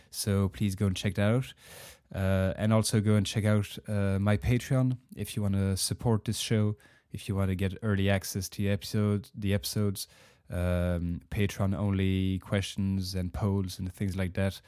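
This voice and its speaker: Low, smooth-voiced male podcast host. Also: no room sound, studio quality. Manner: relaxed, many filler words. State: getting over a heavy cold. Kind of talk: casual podcast intro.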